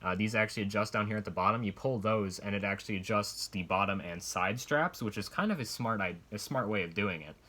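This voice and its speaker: A man's voice: on the low side, fairly quick, few pauses, bright, forceful tone. A man giving a casual, unscripted show-and-tell review in a rambling, hesitant way, hedging as he explains. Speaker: collector reviewing military surplus gear.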